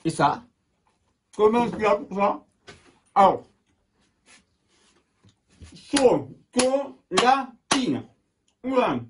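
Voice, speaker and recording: A man teaching young children in a video lesson, slow and encouraging, clapping out syllables, recorded indoors. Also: sits high. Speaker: schoolteacher. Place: indoors at home. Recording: distant mic with steady background noise.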